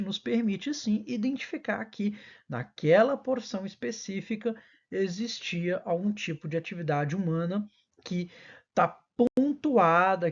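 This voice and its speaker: Woman explaining soil chemistry, lo-fi. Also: mid-range voice. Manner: didactic, explanatory with frequent self-corrections. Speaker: university lecturer. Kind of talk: recorded lecture.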